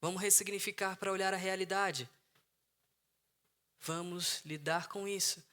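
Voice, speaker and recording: Brazilian guy psychologist talking to his audience, bright forceful voice, keeps repeating his point, out in the sun. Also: high voice, fairly even intonation, unhurried. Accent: Brazilian Portuguese. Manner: earnest, repeats key phrases for emphasis. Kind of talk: emotional intelligence talk to an online audience. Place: outdoors in the sun.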